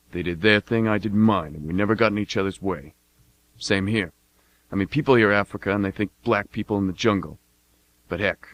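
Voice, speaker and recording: An actor delivers a radio play monologue as a cocky, blunt American war veteran turned mercenary, talking plainly and folksily. His low male voice sounds natural, and his mood comes across as defensive.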